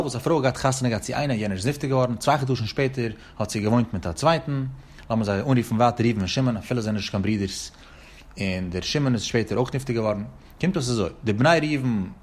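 Guy explaining a legal text, fast, kinda husky, singsong up and down lecturing. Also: mid-range voice. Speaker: Talmud teacher.

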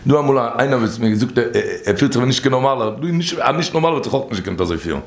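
A man telling stories from religious teachings in an informal, animated way, his voice leaping high and then dropping low. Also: fast, gravelly. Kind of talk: informal storytelling talk. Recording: echoey room.

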